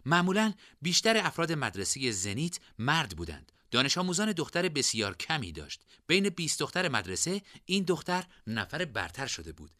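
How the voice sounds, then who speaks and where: Expressive male novel narrator. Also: a little high, few pauses, dry recording, clean studio sound.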